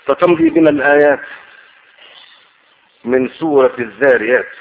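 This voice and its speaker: A man's voice: medium pitch, normal speed. A man giving an emphatic Quranic sermon and commentary, rising to fervent oaths. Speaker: preacher. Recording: tinny lo-fi radio broadcast.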